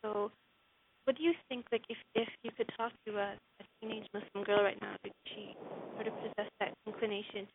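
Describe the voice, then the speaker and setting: A woman who writes a blog interviews a guest, asking her questions hesitantly with lots of ums and uhs. Her medium-pitched voice moves little and she talks fairly quickly. The audio sounds like a phone line with a faint hiss.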